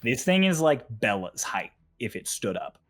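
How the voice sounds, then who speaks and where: A man's voice: medium pitch, big pitch swings, normal speed, a bit bright, slight background noise. A man acting as game master, narrating a tabletop game in a conversational, descriptive way.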